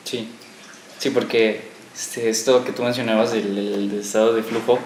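A man's voice: lowish voice, level tone, normal speed. A man, co-hosting a podcast, summing up and explaining step by step. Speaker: podcast co-host. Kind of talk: casual group chat. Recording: echoey room with faint noise.

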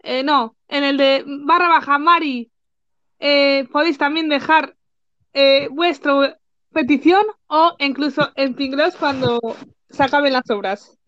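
A woman from co-hosting a casual live show, quick to agree and move things along. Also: high voice, a bit bright, no room sound. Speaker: co-host. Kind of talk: casual live podcast chat. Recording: dull lo-fi sound.

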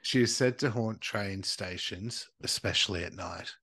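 Low-voiced man reading spooky notes. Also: a little slow, slightly rough, no room sound. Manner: reads notes then jokes loudly, crude banter. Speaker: podcast co-host. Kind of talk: casual chat, reading out a legend.

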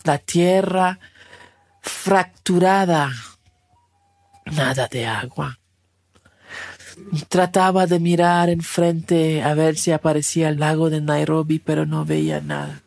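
Slow, expressive woman storyteller. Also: low voice. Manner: slow, expressive, repeats words for effect. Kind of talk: told children's story.

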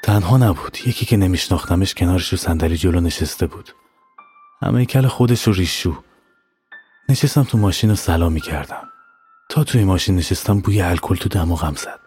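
Deep-voiced man narrating a horror story. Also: animated, darkish tone, soft background music. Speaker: narrator and writer.

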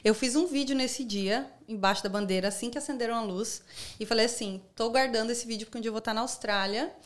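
Speaking quickly in a fairly high voice, a young woman with a Brazilian Portuguese accent guests on a podcast and tells a personal story. Her style is casual and full of slang, and she acts out the lines she quotes.

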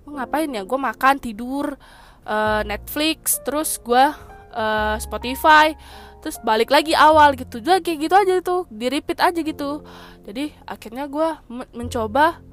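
A woman's voice: high-pitched, moderate pace. Chatty young woman with a Jakarta accent. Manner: chatty and animated, slangy, acts out exclamations. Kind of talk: casual storytelling monologue. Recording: faint music behind.

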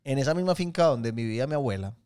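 A man with a Colombian Paisa accent co-hosts a casual podcast. He tells stories in an animated, loose way, full of street slang and easy swearing. His voice sits at an ordinary pitch for a man. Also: fast talker, clear, resonant tone. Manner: animated, slangy storyteller who swears freely. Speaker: podcast co-host. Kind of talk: casual chat.

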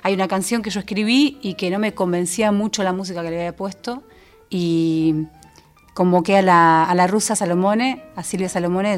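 This medium-pitched singer-songwriter has a Rioplatense Spanish accent and talks through her songs in a relaxed interview. Her manner is reflective, full of fillers and little restarts as she thinks aloud.

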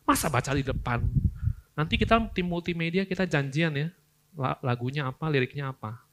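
A young man, preaching a lively youth sermon, swinging between loud outbursts and quiet earnest asides. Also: on the high side, a little fast. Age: young adult. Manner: casual slangy Jakarta-style delivery.

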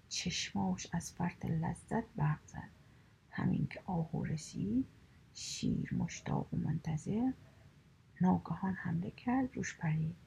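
A woman narrating a children's fable in a slow, hushed whisper. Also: mid-range voice, gravelly, muffled recording, a little hiss or hum. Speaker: storyteller. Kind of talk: whispered story reading.

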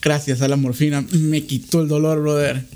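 Casual storyteller, a man with a slightly high voice, lively and chatty. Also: normal speed. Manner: animated, says brother often.

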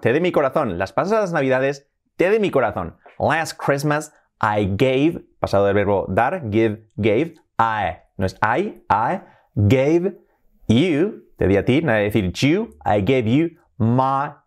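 A man with a Spain Spanish accent, teaching English pronunciation in a casual video lesson and drawing words out slowly to drill sounds. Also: medium pitch, big pitch swings. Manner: slow, exaggerated pronunciation drills.

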